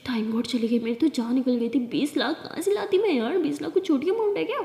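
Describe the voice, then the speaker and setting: A woman's voice: high voice, brisk, dark tone. A woman voicing a young woman who flips between pleading and hot-tempered, mixing English into her Hindi. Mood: panicked. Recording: echoey room with long reverb.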